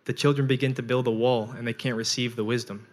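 A young man preaching a sermon in short, earnest phrases, pausing for his interpreter. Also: medium pitch, level tone.

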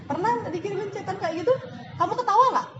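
Female sales team leader, high and animated, echoey lo-fi room with noise behind. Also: quick pace. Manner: lively, animated, acts out examples. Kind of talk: motivational sales talk. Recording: echoey room, dull lo-fi, noisy.

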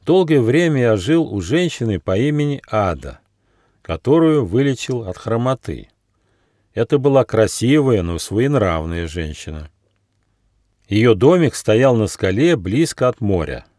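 A man's voice: mid-range voice, sing-song, a little slow, darkish tone, no echo, studio quality. A man, the author, reading his children's fairy tale aloud expressively. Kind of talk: storybook narration.

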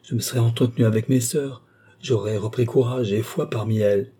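A man's voice: mid-range voice, steady tone, fairly quick, warm tone, husky, lightly acted. A man reading the part of a distraught young woman who urgently recounts her abduction, in an audiobook. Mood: pleading. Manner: urgent, dramatic first-person telling.

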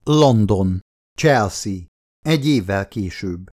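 A man reading an audiobook as narrator, with expressive, varied intonation. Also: fairly low pitch. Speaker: audiobook reader. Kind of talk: scripted narration.

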